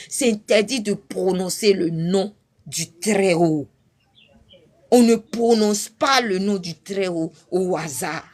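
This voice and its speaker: Woman, husky voice, fervent preaching testimony, repeats and exhorts, sudden cries. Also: medium pitch. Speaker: preacher giving a testimony on a live stream. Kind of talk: impassioned spoken testimony.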